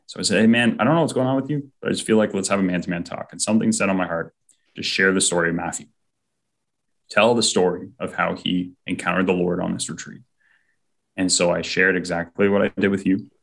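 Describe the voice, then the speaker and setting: A man's voice: deep voice, flat delivery, fairly quick, vocal fry, a bit bright. A man telling an earnest personal faith story as an interview guest, often acting out what people said. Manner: heartfelt, often acts out quoted speech.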